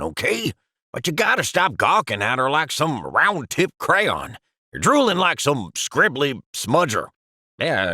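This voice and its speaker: An actor playing an older male office pen in a cartoon, a calm, teasing mentor who keeps calling others lad. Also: medium pitch, husky, no room sound, studio quality, heavily acted. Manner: jokey, calls others lad and laddie. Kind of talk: animated cartoon voice acting.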